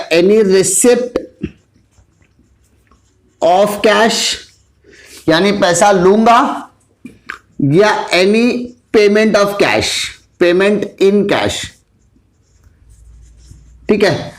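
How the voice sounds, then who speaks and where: A man lectures on commerce in a high, fairly light voice. He works through the topic like a classroom teacher, asking questions aloud and answering them himself. He repeats the key terms to drive them home. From India.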